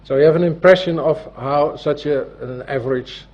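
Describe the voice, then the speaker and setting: A man with a Dutch accent gives a formal presentation as a notary, speaking in a deliberate, halting way. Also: a little high. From Netherlands. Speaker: civil law notary giving a presentation. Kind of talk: formal presentation, partly read from a script. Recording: dull, muffled audio with loud background noise.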